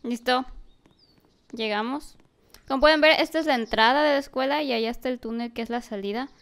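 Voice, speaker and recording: A woman giving animated let's-play commentary, talking to a baby character and often yelling and laughing. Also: high voice, brisk, gravelly, slight background noise. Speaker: gaming youtuber.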